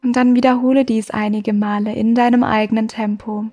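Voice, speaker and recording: A woman hosting a meditation podcast, guiding the listener in a soft, slow, soothing way with long pauses. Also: fairly high pitch, flat delivery, dull audio. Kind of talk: guided meditation. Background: music.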